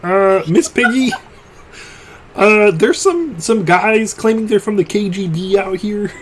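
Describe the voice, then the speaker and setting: A man putting on a high, nervous frog puppet voice that slides out of a Russian accent. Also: expressive, slight background noise. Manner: nervous, halting, high and silly.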